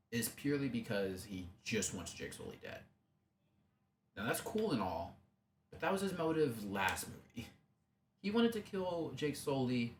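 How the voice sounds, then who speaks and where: A young man giving a sarcastic, rambling movie review with restarts. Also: lowish voice. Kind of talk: casual movie review rant. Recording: echoey room, faint hum.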